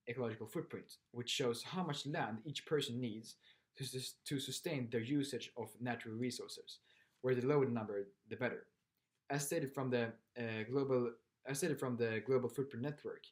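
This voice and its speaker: A seventeen-year-old boy from Sweden with a Swedish accent, reading a school presentation aloud in a halting way, stumbling and repeating words. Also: mid-range voice. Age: teens. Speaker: student presenter.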